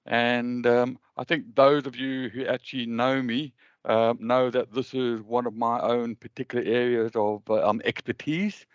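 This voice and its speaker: A man's voice: medium pitch, fairly even intonation, measured pace, clear, resonant tone, no room sound, highs cut off. A man with a South African accent hosting an online webinar, speaking hesitantly with many ums and uhs. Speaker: webinar host.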